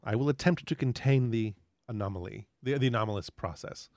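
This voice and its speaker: A man voicing a calm female computer core AI in a tabletop game, with flat, clipped machine phrasing. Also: mid-range voice, fairly quick, dry recording, natural voice. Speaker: game master.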